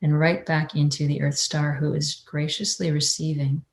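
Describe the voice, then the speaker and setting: A woman with a low voice leads a guided breathing meditation. She keeps her intonation very even, with little rise or fall. Her manner is that of a mystical healer, soothing and unhurried as she gives instruction. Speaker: energy-healing teacher.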